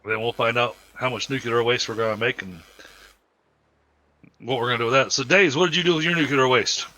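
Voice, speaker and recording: Hosting a multiplayer game, a Southern-accented man from the Southern United States chats casually, explaining things at length in an easygoing, rambling way with many fillers. He speaks fairly quickly at medium pitch with a sharp tone. There's no room sound, but the audio is poor.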